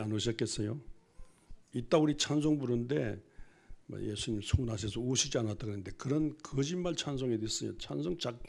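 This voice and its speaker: A middle-aged pastor preaches a sermon in a church, folksy and emphatic, now and then imitating loud wailing cries. His voice is gravelly and rough with a husky, breathy edge. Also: mid-range voice. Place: church sanctuary.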